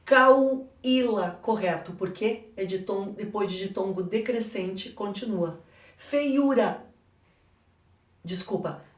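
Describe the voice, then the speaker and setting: A woman with a Brazilian Portuguese accent leads a grammar lesson at a middle pitch. She quizzes the class and answers her own questions. Her voice carries from some way off the mic, with a noticeable room echo. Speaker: teacher. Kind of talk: exam correction lesson. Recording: echoey room, voice from a distance.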